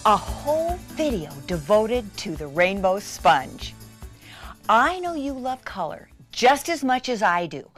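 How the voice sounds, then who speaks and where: A middle-aged woman with a mid-range voice presents a chatty craft tutorial, gushing excitably and leaning on dramatic emphasis. The recording is dry.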